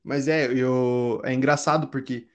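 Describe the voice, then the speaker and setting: A young woman from Curitiba, Paraná, Brazil, chats casually in southern Brazilian Portuguese, full of slang and anecdotes. Her voice is very deep, darkish and steady, and she takes her time.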